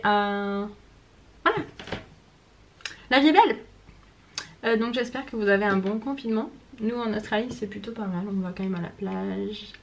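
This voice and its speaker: A young woman from France with a French accent chats loosely to camera, full of slang and easy laughter. Her voice sits on the higher side. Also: a bit bright, slight background noise. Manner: chatty, slangy, laughs often. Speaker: vlogger. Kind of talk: casual chat to camera.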